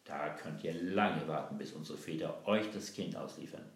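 A clever, bold young girl, as a man reads her lines. She is quick-witted and commanding. The voice underneath is deep and gravelly, with an echo from the room. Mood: scheming. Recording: roomy echo.

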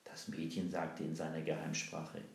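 A male storyteller reads aloud in a measured way and voices each character. His voice is very deep and gravelly. A roomy echo surrounds it. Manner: measured, lively character voicing.

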